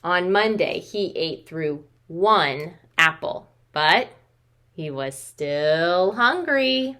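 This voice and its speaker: An American woman in her thirties, a preschool teacher reading and explaining to young children in an expressive way with questions and drawn-out words. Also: lowish voice. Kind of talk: children's story read-aloud and craft instruction. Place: small home room with sloped ceiling.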